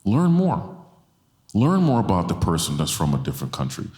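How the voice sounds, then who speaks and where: A man in his forties, a guest speaker at a church, speaks passionately on stage with a handheld mic, repeating lines for emphasis. His darkish voice sits low with wildly swooping pitch at a moderate pace, faint music playing behind him in the roomy hall.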